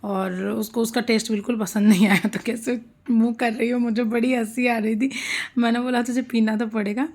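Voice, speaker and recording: A woman's voice: on the high side, little pitch movement, moderate pace, a little mellow. A woman in her thirties, a mother and homemaker, chatting casually through a home vlog voice-over, amused and full of fillers. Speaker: vlogger.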